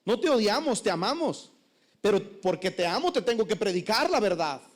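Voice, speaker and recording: A pastor preaches in a strikingly high voice. He keeps the sermon animated and humorous and fires rhetorical questions at the congregation. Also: normal speed.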